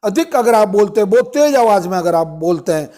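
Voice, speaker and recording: A man giving an informal Ayurvedic health talk, explaining step by step with frequent pauses and fillers. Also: high voice, expressive, mellow. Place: ashram.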